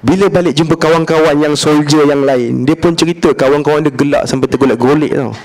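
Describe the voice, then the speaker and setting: Malaysian male preacher, colloquial and playful, acts out the dialogue; voice sits a bit high. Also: brisk. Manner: lively, humorous, acts out dialogue; colloquial, mixes in English words. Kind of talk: religious lecture storytelling.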